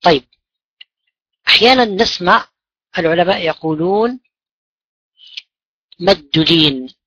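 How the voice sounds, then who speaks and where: Guy teaching a class, kinda breathy, asks questions then answers em, muffled lo-fi sound. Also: high voice, unhurried, bright, forceful tone, no room sound. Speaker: religion teacher. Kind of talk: classroom lesson on Quran recitation rules.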